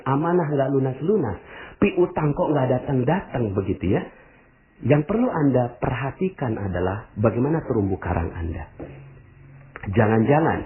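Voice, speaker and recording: A man giving a motivational religious talk to an audience, full of rhetorical questions and direct address. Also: medium pitch. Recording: tinny phone-like sound.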